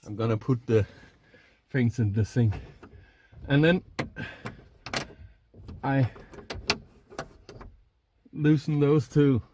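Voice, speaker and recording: Middle aged guy talking slow and halting, casual demo vlog inside a little camper van, camera a bit away. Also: mid-range voice, background noise. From Denmark. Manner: hesitant, halting delivery while working. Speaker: vlogger. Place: inside a small minivan camper. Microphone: camera a short distance away.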